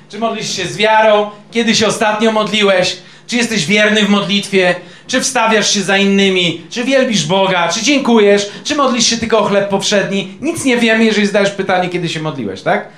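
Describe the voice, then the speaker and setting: A man's voice: high-pitched, moderate pace, fairly bright tone. A male pastor preaching a sermon in a conversational way, quizzing his congregation with questions. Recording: echoey room.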